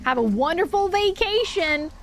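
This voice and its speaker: A woman's voice: very high voice, lively intonation, moderate pace. A woman livestreamer chatting casually and reading aloud with asides, in a cute, bubbly, enthusiastic anime-streamer manner. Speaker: horror livestreamer. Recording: clear background noise.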